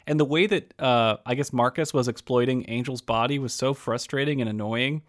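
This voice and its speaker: A man co-hosting a casual podcast chat, giving opinionated, wry takes with quick asides. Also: medium pitch.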